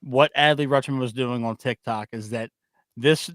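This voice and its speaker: A blunt, opinionated man hosting a sports talk show, ranting about players and throwing in a curse now and then. His voice is mid-pitched. The sound is dry and close, with no room echo. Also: steady tone, moderate pace, fairly bright tone. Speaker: host. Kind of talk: casual sports chat.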